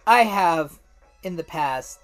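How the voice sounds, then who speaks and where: A woman with a low voice talks casually while watching a cartoon with a friend. She often trails off, restarts and stacks up fillers. Faint music plays behind her. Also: expressive, takes it slowly. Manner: chatty, trailing off and restarting mid-sentence. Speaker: co-host. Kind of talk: casual watch-along chat.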